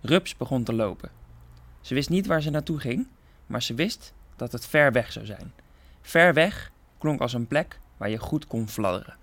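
A man from a theatre group calmly reading a children's story aloud with gentle expression. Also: medium pitch, normal speed.

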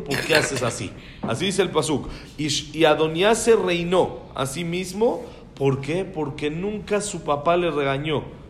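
A man teaching a Torah class, animated, often repeating and restarting his phrases. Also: on the high side, slight background noise.

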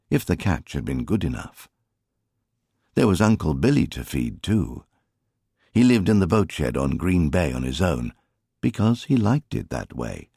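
A very deep, husky male voice narrates a story as an audiobook reader, with wide, expressive swings in intonation. The recording is close and dry, without echo.

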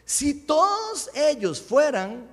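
A man preaching a sermon, praying aloud and reading scripture, with impassioned swings between loud lifted phrases and soft low prayer. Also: sing-song, slow. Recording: long hall reverb.

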